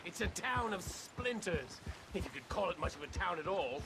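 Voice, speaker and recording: A woman's voice: on the low side, expressive, moderate pace, creaky, background noise. An actress playing a stranded, haughty and chatty lady from New York City in an Old West video game, theatrical, genteel and wordy. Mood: disdainful. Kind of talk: video game period drama acting.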